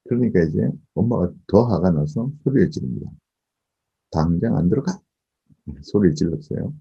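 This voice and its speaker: A male lecturer giving a class, asking the audience rhetorical questions and often affirming with a quick "yes". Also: deep voice, mellow, slightly rough, muffled recording. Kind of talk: recorded lecture.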